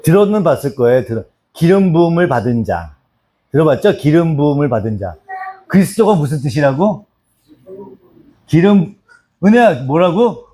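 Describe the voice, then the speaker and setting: Male pastor, small-church doctrine class, quizzes by name, animated pitch, dark mellow tone. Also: moderate pace, pauses often. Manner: repetitive, drills answers and calls on people by name. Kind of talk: church Bible lesson, quizzing listeners.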